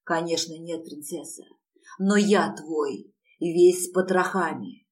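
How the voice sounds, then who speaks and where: A woman reading the lines of a desperate young male lover, hoarse and breathless as he pleads. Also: lowish voice, slow pace, a little mellow, far from the mic. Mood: pleading.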